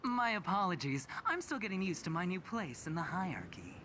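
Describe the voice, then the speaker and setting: A smug young gambler with a silky, teasing drawl that rises and falls a great deal. His lines are game audio with a steady hiss of noise behind them. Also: high voice, brisk, exaggerated voice. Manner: teasing, smooth-talking. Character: smug charming young male gambler executive.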